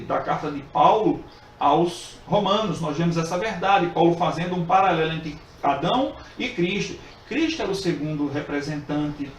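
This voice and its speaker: A man teaching a Bible study lesson, earnest and repetitive, pausing often with fillers as he explains. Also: a little high. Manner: earnest, repeats phrases with frequent filler pauses. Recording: echoey room, distant mic, faint hiss.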